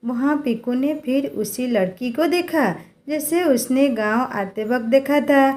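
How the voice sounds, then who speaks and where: A woman storyteller narrating a village tale in a measured, plain way. Her voice is high and mellow, and she takes her time with each line.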